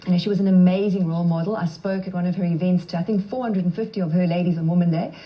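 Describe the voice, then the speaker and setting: A woman's voice: on the low side, steady tone, quick pace. A South African woman answering interview questions as a guest, speaking in a self-assured, emphatic way. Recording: slightly dull, band-limited sound.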